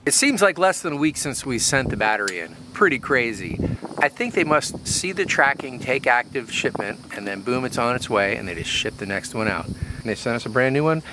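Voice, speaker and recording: A man's voice: mid-range voice, sing-song, brisk, background noise. A man in his forties on a sailboat deck outdoors, casually talking through a repair as he works, thinking aloud and muttering at the job. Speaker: sailing vlogger. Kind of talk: casual narration while working.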